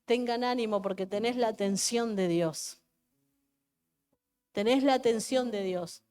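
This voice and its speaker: A woman's voice: fairly high pitch, a little slow, darkish tone. A woman pastor with an Argentine accent preaching a fervent sermon at a church service, repeating her phrases and asking the congregation questions. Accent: Argentine Spanish.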